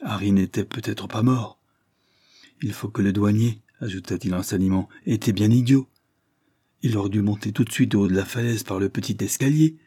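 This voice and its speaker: A man voicing a distraught, nervous young gentleman in a Victorian audiobook, speaking anxiously with excited outbursts. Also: lowish voice, moderate pace, breathy edge, dry recording, studio quality. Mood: agitated.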